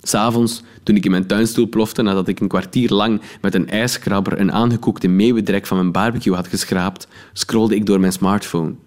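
A man's voice: fairly low pitch, fairly even intonation, normal speed, hardly any pauses, a little mellow. A man with a Flemish accent reading his own column aloud with wry irony. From Belgium. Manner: wry, ironic storytelling.

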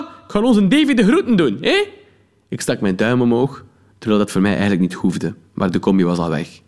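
A man's voice: deep voice, darkish tone. Wry Flemish man reading his column. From Belgium. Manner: wry, ironic storytelling.

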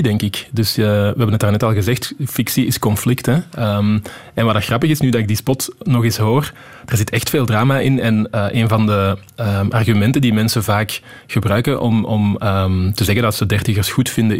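A man's voice: on the low side, darkish tone. Hesitant Flemish man in his thirties. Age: 30s. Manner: hesitant, many ehm fillers, thinking aloud. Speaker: TV screenwriter guest. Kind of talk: radio interview, casual answers.

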